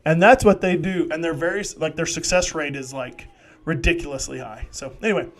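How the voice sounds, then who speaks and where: A man doing live play-by-play football commentary, excitable and jokey with rambling asides. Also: fairly high pitch, brisk.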